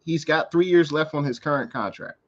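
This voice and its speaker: A man's voice: on the high side, brisk, dull audio. An American man hosting a live sports call-in show, explaining and commenting in a casual, conversational way.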